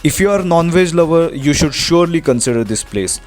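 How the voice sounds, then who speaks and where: A man's voice: fairly high pitch, expressive, brisk. A man with an Indian accent narrating a travel vlog from a script. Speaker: travel vlogger. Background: music.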